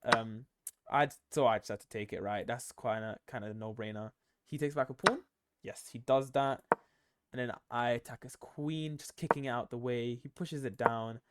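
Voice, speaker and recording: A man's voice: mid-range voice, normal speed, fairly bright tone, smooth. A tired young man commenting on his own chess game, thinking aloud with many ums and self-corrections. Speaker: chess streamer.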